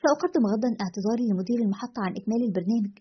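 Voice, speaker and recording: An indignant woman radio producer, voiced by a woman narrator speaks with scornful sharpness. The voice is husky and slightly high, and the recording sounds dull and lo-fi. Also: lively intonation, rapid-fire.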